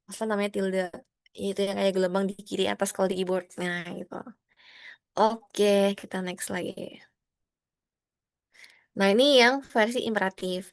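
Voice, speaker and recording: A woman's voice: moderate pace, pauses often, no room sound. A woman teaching an online class in a friendly, patient way, often acting out sample phrases with rising or falling tones. Her voice sits in a middle range. The sound is dry and close, with no room around it. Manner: friendly, explains patiently, addresses students as friends; acts out sample phrases with rising or flat pitch. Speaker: Korean language teacher.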